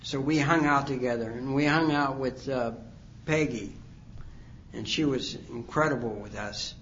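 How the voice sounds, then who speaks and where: At a conference hall, a man in his sixties gives a personal testimony about his recovery, rambling and halting with many pauses and fillers. His pitch is ordinary middle range and a bit bright. The recording is dull and lo-fi, with a faint ambient hum.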